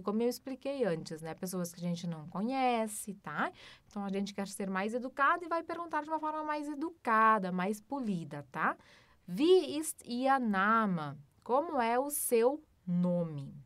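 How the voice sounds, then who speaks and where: A woman teaching German, slowing right down to model phrases and often checking in with the learner. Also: mid-range voice, animated, fairly bright tone, dry recording. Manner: slow, drawn-out model phrases with frequent "tá?" and "né?" checks. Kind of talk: online language lesson.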